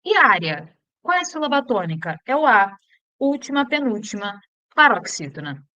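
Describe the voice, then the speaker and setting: A woman teacher with a Brazilian accent giving an exam-prep grammar lesson. She drills students with repeated questions and slows down to spell out each rule. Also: on the high side, very animated, pushed and bright, highs cut off. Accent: Brazilian Portuguese.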